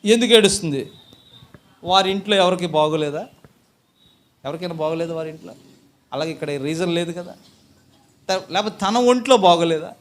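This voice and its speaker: A man preaching a sermon as pastor, putting questions to his congregation and answering them himself, and building to loud emphatic peaks. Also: a little high, normal speed, pauses often.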